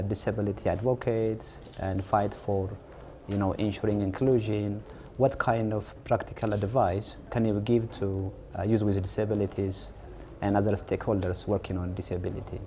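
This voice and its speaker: A man's voice: on the low side, mellow, a little hiss or hum. A man moderating a fireside chat interview, phrasing his questions hesitantly.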